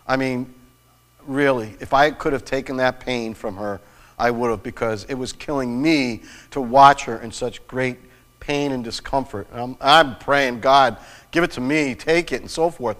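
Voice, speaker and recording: A man's voice: mid-range voice, moderate pace, fairly bright tone, in a large hall. A middle-aged man preaching a sermon in a church, telling a personal story in an earnest way with frequent restarts. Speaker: pastor. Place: church sanctuary.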